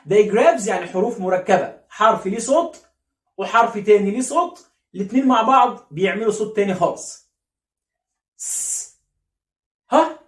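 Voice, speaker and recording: A man with an Egyptian Arabic accent teaching a phonics lesson, stretching out and repeating each sound slowly, and asking questions that he answers himself. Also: high-pitched, reverberant.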